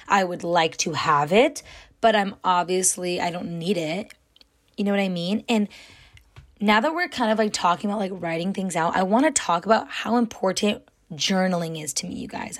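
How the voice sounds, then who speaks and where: On her solo podcast, the young adult host talks in a casual, loud, rambling way packed with filler words. Her voice comes across as raspy and a bit deep.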